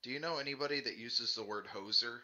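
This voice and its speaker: A man in casual gaming voice chat, curious and excitable, full of questions. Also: medium pitch, fast, dull audio.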